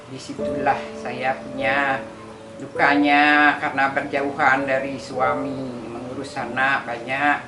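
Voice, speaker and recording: A woman in her sixties, a grandmother, calmly answering interview questions in simple, measured phrases. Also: extremely low pitch. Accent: Indonesian. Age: 60s. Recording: echoey room with loud music behind.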